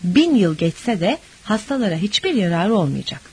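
Blunt, scornful woman with cancer, husky, played by the audiobook reader. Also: mid-range voice, sing-song, normal speed, darkish tone, exaggerated voice. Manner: scornful, scolding.

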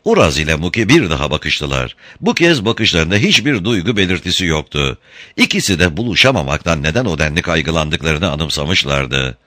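Deep guy reading an audiobook, very lively delivery, dry close mic. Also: moderate pace, dry recording. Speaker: narrator. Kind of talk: audiobook narration.

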